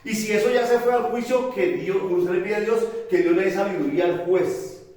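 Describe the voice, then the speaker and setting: A man's voice: high-pitched, fairly quick, darkish tone. A man preaching a sermon in a plain, conversational way, asking questions and answering them himself. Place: church hall. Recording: very echoey room, voice from a distance.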